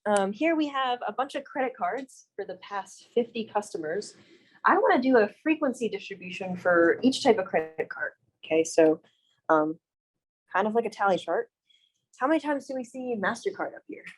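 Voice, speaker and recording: A woman's voice: mid-range voice, lively intonation, normal speed, poor audio. A young woman lecturing a math class in a classroom, casual and self-deprecating, often asking the students questions. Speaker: math instructor.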